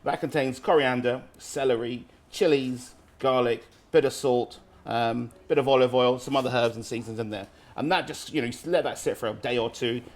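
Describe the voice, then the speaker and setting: A man's voice: medium pitch, steady tone, moderate pace, hardly any pauses. A man from Barbados, casually explaining dishes as a street-food cook in a cooking demonstration. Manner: informal, explanatory.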